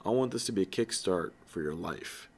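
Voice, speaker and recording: Earnest, persuasive man, lowish voice. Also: expressive, fairly quick, darkish tone, husky. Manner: earnest and persuasive, with rhetorical questions and light jokes. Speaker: company founder addressing new recruits. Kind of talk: motivational orientation talk.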